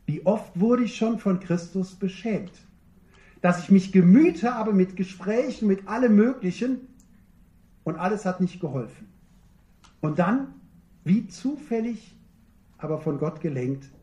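A man preaching a sermon, earnest and emphatic, slowing down to repeat key phrases. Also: high voice, mellow, reverberant.

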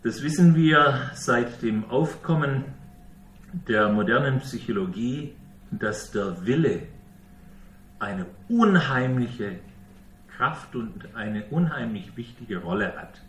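A man preaching a sermon, slow and emphatic, asking questions and acting out quoted speech. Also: medium pitch, expressive, a bit bright, recorded from a distance, slight background noise. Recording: echoey room, voice from away from the mic.

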